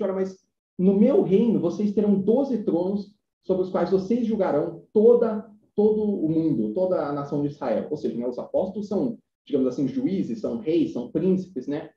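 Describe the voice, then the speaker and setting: A man gives a conversational Bible lesson, often adding tag questions and slowing down to read scripture aloud. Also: high-pitched, animated, dark tone, roomy sound, muffled recording. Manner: conversational, frequent "né?" tags, reads scripture slowly. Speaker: teacher.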